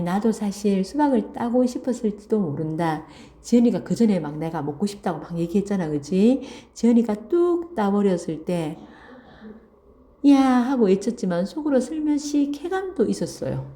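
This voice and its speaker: A woman's voice: mid-range voice, lively intonation, warm tone. A woman teacher reading a story aloud and explaining it line by line, repeating key words and checking in with students. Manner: reads passages aloud, then restates key words slowly and asks "그치?". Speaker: Korean language teacher. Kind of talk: online literature lesson, reading and explaining a story.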